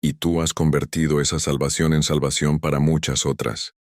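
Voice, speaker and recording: A man's voice: very deep voice, little pitch movement, moderate pace, darkish tone, no echo, clean studio sound. A man voicing a wise, protective grandmother inside a narrated story. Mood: gentle.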